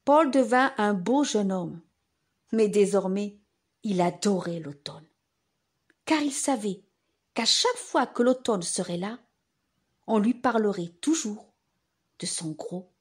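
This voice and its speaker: A woman narrating a children's bedtime story in simple, expressive phrases, as if reading to a toddler. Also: medium pitch, takes it slowly, long pauses, breathy edge.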